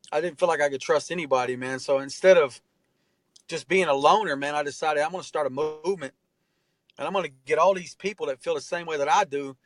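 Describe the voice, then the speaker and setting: Speaking in a somewhat high voice with no echo, a man around forty, an artist and tattoo artist, guests in a candid conversational interview. He recounts his story earnestly and from the heart, frequently dropping the word "man."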